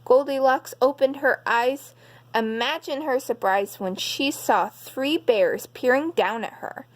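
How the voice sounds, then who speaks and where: Slow gentle woman reading a bedtime story. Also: sits high.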